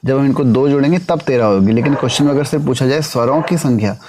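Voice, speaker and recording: A man teaching an exam-prep lesson at a middling pitch. He asks questions and answers them himself, one after another. He keeps tagging his sentences with a short check-in question. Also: quick pace, a little hiss or hum. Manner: keeps adding tag question "है ना".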